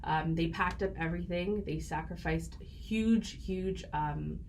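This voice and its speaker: A woman's voice: lowish voice, a little slow, a little mellow, a little hiss or hum. A woman, a guest talking earnestly and reflectively in a casual podcast interview. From Canada. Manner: earnest, reflective, with frequent fillers.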